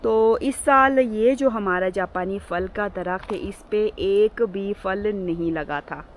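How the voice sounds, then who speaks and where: A woman vlogs slowly and relaxedly about her home village in Gilgit-Baltistan, Pakistan, partly outdoors on the rooftop and in the garden, with faint outdoor sounds behind her. Her voice is mid-range and hoarse from a sore throat, and she speaks softly with polite "ji" fillers. There's a little hiss or hum.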